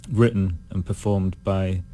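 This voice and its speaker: A British man, a singer being interviewed, talking in a thoughtful, halting way full of restarts. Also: sits low, steady tone, warm tone, slight background noise. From United Kingdom. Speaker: guest singer. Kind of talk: casual interview chat.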